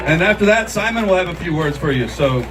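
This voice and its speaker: A man's voice: high-pitched, lively intonation, quick pace, far from the mic. A man hosting a charity event from a stage, making announcements partly from a script and partly off the cuff. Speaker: event host at a charity fundraiser. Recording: outdoor PA from afar, noisy crowd, traffic.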